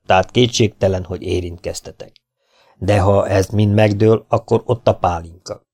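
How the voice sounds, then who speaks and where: A man reading the lines of a calm, unshakable lawman in an audiobook, firm and deliberate. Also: fairly low pitch, close to an everyday voice.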